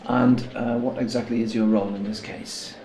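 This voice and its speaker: An actor playing a police sergeant who runs a formal interview and probes the witness skeptically. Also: male voice, mid-range voice, little pitch movement, moderate pace, warm tone, roomy sound, slight background noise, lightly acted.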